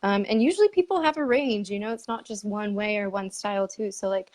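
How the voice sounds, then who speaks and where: A woman's voice: mid-range voice, brisk, darkish tone. A woman hosting a conversational interview, speaking candidly with frequent laughs and fillers. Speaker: podcast host. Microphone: remote live stream.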